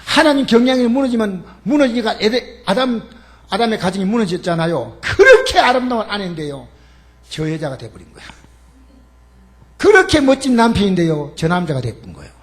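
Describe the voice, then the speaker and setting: An older man preaching a sermon in a church sanctuary, his voice riding high and swinging widely in pitch. He calls out to the congregation with emphatic, animated delivery and slips in humorous asides between points. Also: brisk. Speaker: pastor.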